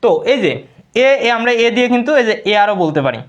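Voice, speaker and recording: High-voiced Bangladeshi man teaching grammar. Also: big pitch swings, fast, highs cut off. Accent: Bangladeshi Bengali. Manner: repeats words, asks and answers his own questions. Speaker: English teacher. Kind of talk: live online grammar lesson.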